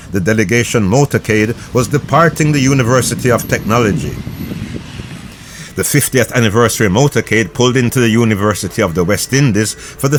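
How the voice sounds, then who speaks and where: A man giving scripted documentary narration in a measured, formal way. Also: lowish voice, a little hiss or hum.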